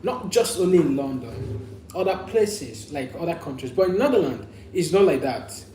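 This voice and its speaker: A man's voice: fairly high pitch, animated, moderate pace, warm tone. Man livestreaming casually in an echoey room. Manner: repeats and restates phrases for emphasis. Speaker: livestream host. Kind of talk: casual live chat, sharing personal stories and opinions. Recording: echoey room with faint hum.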